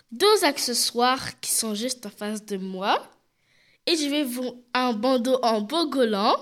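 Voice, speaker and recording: A high-pitched woman with a bright, sharp tone hosts a product showcase and speaks slowly. She talks straight to the viewers and walks through each item in detail. She has a cold, so her voice sounds a little stuffy. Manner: addresses viewers directly, describes items in detail. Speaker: show host presenting products. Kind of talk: scripted product presentation.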